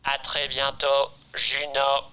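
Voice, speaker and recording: A man's voice: medium pitch, monotone, slow, sharp tone, slight background noise, low-quality recording. A man doing a stiff robot voice for a corporate AI. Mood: cold, formal. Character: cold corporate AI overseer, stiff and formal. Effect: robot voice, put on by mouth without any filter. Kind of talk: reading in-game text aloud while streaming.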